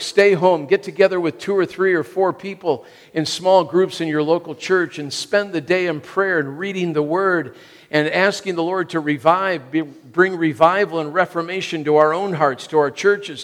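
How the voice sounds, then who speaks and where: An American man in his sixties preaches a sermon to a congregation, using emphatic short phrases he often repeats for weight. His voice is on the high side, steady in tone, at a moderate pace. The recording carries the long reverb of a large hall.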